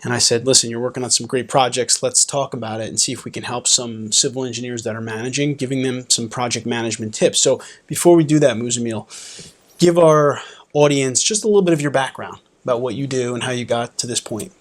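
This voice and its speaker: A man hosts an engineering podcast, delivering a polished, upbeat introduction before interviewing a guest in an office. His voice is mid-range and he talks fast, captured in a dry recording.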